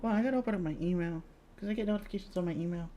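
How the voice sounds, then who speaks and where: A woman's voice: on the low side, very fast, dark tone, highs cut off. A young woman VTuber chatting casually on a livestream, reading chat and swearing freely, with light music behind. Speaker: VTuber streamer.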